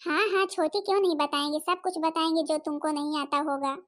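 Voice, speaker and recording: A woman's voice: high voice, fairly quick, natural voice. A woman voicing a hardworking, put-upon elder daughter-in-law in a cartoon, pleading and defensive. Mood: calm.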